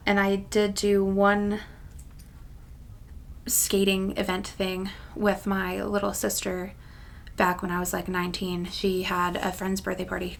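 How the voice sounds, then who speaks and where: Talking to the camera for her craft channel, a woman around thirty-one rambles casually and self-deprecatingly to her viewers. She has a mid-range, creaky voice, and there's slight noise in the background.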